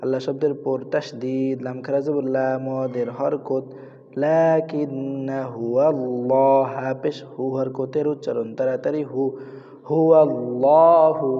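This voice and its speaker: A man teaching Quran reading in a madrasa, spelling out letters and slowly chanting each verse. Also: mid-range voice. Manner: slow drawn-out chanting of verses, then quick spelled-out rules. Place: madrasa with children's noise around. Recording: lo-fi with long hall reverb.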